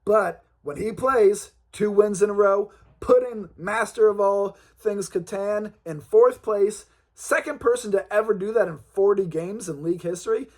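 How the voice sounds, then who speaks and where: A man's voice: high voice, normal speed, a little mellow. A man hosting a casual livestream roundup of a game league, rambling and joking with many ums and uhs.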